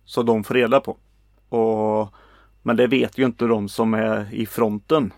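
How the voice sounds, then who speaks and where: A man from Sweden in casual film chat on a podcast, relaxed and hesitant, with many fillers. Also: fairly low pitch, gravelly, no room sound, clean studio sound. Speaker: podcast co-host.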